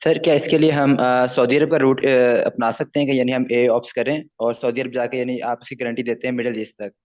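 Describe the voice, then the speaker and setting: A man's voice: mid-range voice, little pitch movement, a little fast, a little mellow, highs cut off. A man, a caller in a live Q&A, asking questions politely and hesitantly, often calling the host sir. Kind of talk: live Q&A call.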